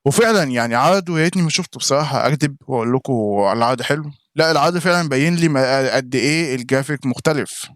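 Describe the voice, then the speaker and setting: A man's voice: medium pitch, racing, fairly bright tone, no echo, clean studio sound. A man with an Egyptian Arabic accent giving casual reaction commentary on a gaming live stream, chatting straight to viewers in chat by name.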